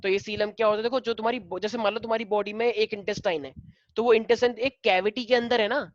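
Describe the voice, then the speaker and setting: A man's voice: high-pitched, fairly even intonation, fast, no echo. Male teacher mid-lesson, quizzing the class, dull dry recording. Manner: mixes Hindi and English, quizzes students, affectionate. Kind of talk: classroom lecture.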